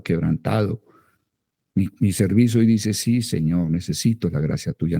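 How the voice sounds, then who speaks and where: Colombian male pastor, very deep gravelly voice, fervent led prayer, slow chanting. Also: dark tone, no room sound, studio quality. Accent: Colombian Spanish. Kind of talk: led prayer and speaking in tongues.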